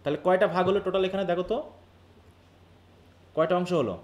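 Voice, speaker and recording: His voice sits high and moves at a quick pace as this Bangladeshi man teaches English literature to a live online class. Going step by step, he weaves English terms into what he says and quizzes the students again and again.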